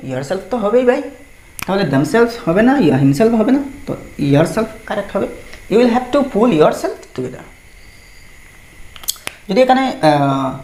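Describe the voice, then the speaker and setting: A woman tutor gives an exam-prep grammar lesson, explaining step by step and spelling words out letter by letter. She explains in Bengali while using English examples. Her voice is a little high with a darkish tone, and the room is echoey.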